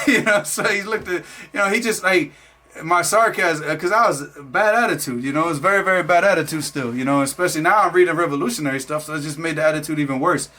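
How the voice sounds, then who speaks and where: Bright-voiced man telling his life story. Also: a little high, quick pace. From Florida, USA. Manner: rambling, many fillers and restarts, laughs at himself. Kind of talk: casual spoken storytelling.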